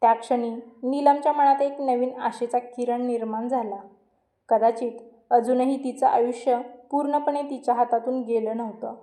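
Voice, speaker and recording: A woman reads a scripted story with steady pacing. Her voice sits fairly high and sounds mellow. The recording carries a roomy echo. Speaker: narrator.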